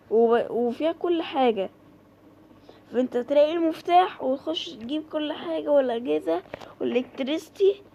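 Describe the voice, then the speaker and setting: A woman's voice: high-pitched, gravelly, mellow. A woman with an Egyptian accent chatting to her viewers while playing a horror game, yelping when startled. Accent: Egyptian Arabic. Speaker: gaming creator. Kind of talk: horror game let's play commentary.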